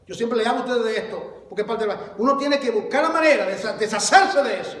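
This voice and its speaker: A man delivers a lively sermon in a high voice. He shifts between loud exclamations and low confiding asides, calling the congregation brother. He sounds off-mic in a reverberant church hall. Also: fast talker, distant mic. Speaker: pastor.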